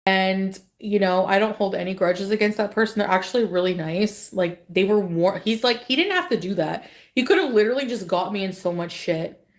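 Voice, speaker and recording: A woman's voice: medium pitch, a little fast. A woman vlogger telling a story casually, rambling and swearing, with constant filler words. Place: clip from her own video.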